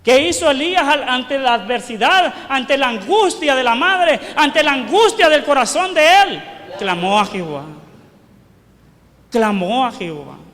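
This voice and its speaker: High-voiced fervent male preacher. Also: sing-song, a little slow, long reverb tail. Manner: fervent preaching, asks the congregation questions, shouts quoted cries. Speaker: pastor. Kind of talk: sermon. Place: church.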